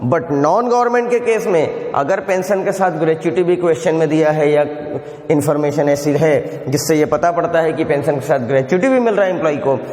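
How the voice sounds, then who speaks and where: A man with a high voice teaches a recorded lesson, working through each step and stopping to check that his students follow. The sound is roomy, with a long reverb that hangs after his words. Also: fairly quick, a little mellow. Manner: explains step by step, often asking students questions; mixes Hindi with English terms. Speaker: commerce tutor. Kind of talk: recorded video lecture. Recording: echoey room with long reverb.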